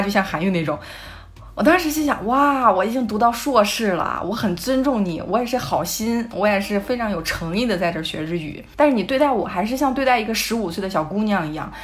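Young female podcast co-host, fast-talking, emphatic storyteller. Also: mid-range voice. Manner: animated storytelling, quick and emphatic. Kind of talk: casual podcast chat.

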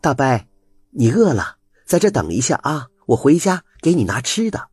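A male storyteller voicing a kind-hearted, decisive village wife who speaks briskly and gives orders. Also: on the high side, very animated, darkish tone, slightly rough, no echo, voice pushed up, heavily acted. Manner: brisk and commanding.

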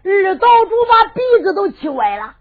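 A woman's voice: very high voice, big pitch swings, normal speed. A woman with a Henan accent narrating a folk tale in rhythmic sung storytelling. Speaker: zhuizi storyteller-singer. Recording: tinny lo-fi recording with faint fiddle music.

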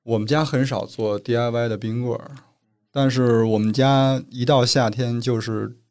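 A man's voice: medium pitch, steady tone, normal speed, a little mellow. A man from northern China, co-hosting a casual chat and telling stories at length. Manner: storytelling, explains at length. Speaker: podcast co-host.

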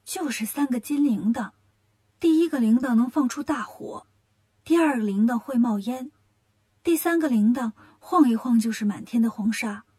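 A woman voicing a tearful, anxious captive queen in a children's storybook tale, soft and pleading. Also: on the high side, normal speed, husky. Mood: confiding.

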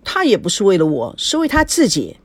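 A woman voicing a sulky young bride in an audiobook, plaintive and a little higher than her narration. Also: huge pitch swings, fairly quick, slightly rough, no echo. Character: sulky young bride, quick to take offense.

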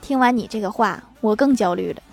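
A woman's voice: medium pitch, brisk, gravelly. A woman hosting a comedy podcast, reading out jokes and chuckling at her own punchlines. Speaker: host.

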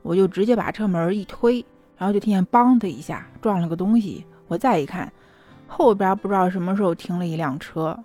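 A young adult woman casually telling a personal story in a chatty, lively way. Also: lowish voice, fairly quick, faint music behind. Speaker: vlogger.

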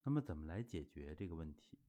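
A middle-aged man with a very deep voice gives a spoken exercise lesson. His tone is dark and mellow. He explains at a steady, patient pace, often dropping in small filler sounds. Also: fast talker. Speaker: health exercise instructor. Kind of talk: spoken teaching talk.

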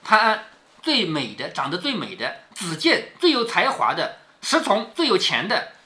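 Animated man explaining a story aloud. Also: high-pitched, moderate pace. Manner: chatty, often checks in with the listener. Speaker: father reading a classic novel to his daughter.

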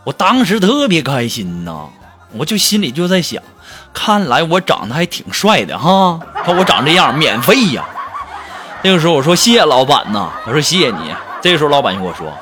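Casting note: male comedy host, fairly high voice, very animated, self-mocking patter, faint music behind. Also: a little fast. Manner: chatty, self-mocking, laughs while talking. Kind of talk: comic storytelling monologue.

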